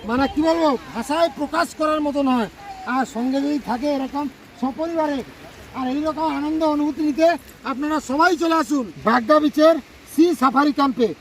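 A man's voice: extremely high pitch, a little fast, fairly bright tone, slight background noise. A man filming a casual family travel vlog, chatting, teasing his relatives and breaking into song, first on a beach at night and then at dinner. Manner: chatty, teasing family members, bursts of singing. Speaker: vlogger.

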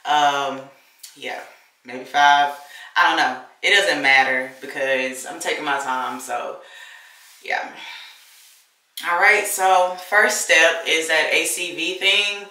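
A young woman vlogger sounds congested as she chats in a laid-back way about her hair care routine in her home bathroom. Her voice is low-pitched yet bright and forceful, slow with frequent pauses, recorded from a distance in echoey bathroom acoustics.

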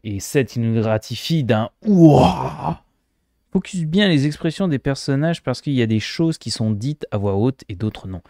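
A man from France commenting casually on a game he is streaming, playful and quick to laugh. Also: mid-range voice, expressive, creaky, dark tone, no echo, clean studio sound. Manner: playful, laughing, mimics accents.

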